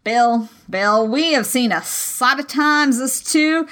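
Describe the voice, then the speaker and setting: A woman's voice: sits high, slow, a bit bright, pitched above the performer's own voice. Woman voicing old male pirate, sly, fawning, sneering, audiobook character voice. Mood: coaxing. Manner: wheedling and sneering.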